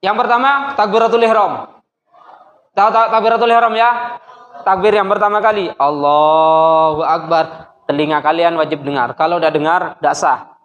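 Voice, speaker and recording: High-voiced male teacher in an echoey classroom. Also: muffled recording. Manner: lively, teasing, asks the class questions and acts out student voices. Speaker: religious studies teacher. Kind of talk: classroom lesson. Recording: echoey classroom with faint noise.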